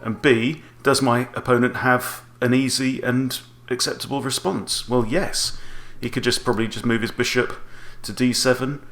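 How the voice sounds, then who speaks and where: A man's voice: medium pitch, steady tone, normal speed, few pauses, fairly bright tone. A man in his forties giving explanatory chess commentary as an instructor, talking through options with rhetorical questions.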